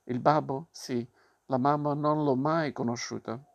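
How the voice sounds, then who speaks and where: A man's voice: medium pitch, fairly even intonation, unhurried, gravelly, highs cut off. A man reading aloud and voicing a frightened wooden boy puppet who pleads tearfully. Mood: subdued. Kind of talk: audiobook reading.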